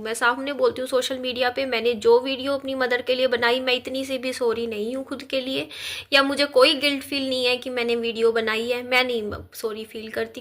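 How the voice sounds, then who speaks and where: Woman in her 30s, sick and tired, talking slow and low into her phone, high bright voice. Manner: slow, subdued, tired delivery. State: unwell and weak. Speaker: vlogger. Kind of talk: personal talk to camera.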